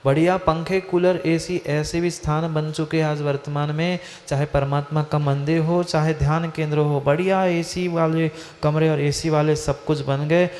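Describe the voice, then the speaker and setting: A man's voice: fairly high pitch, little pitch movement, normal speed, few pauses, darkish tone. A man, a monk, giving a Hindi-language religious discourse, asking his listeners questions and repeating phrases for emphasis. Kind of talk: sermon. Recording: hall reverb with faint ambience.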